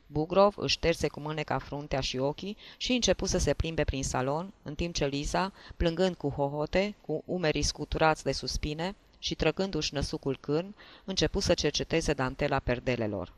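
Brief: male audiobook narrator, slightly high voice, dry close recording, steady telling. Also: no room sound. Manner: steady storytelling.

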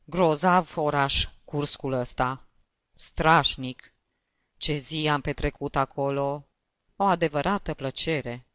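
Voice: medium pitch, fairly bright tone, clean tone, no echo, muffled recording, natural voice. A reader voicing a weepy, flustered male tutor who sobs and strains as he complains, in a storybook reading. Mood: bitter. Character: weepy flustered male tutor, tipsy trip gone wrong.

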